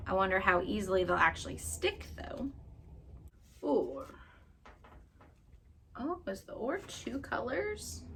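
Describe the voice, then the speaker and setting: A woman's voice: medium pitch, slight background noise. A woman in her late twenties, chatting casually and playfully, rambling while she makes crafts. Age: late 20s. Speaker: craft vlogger.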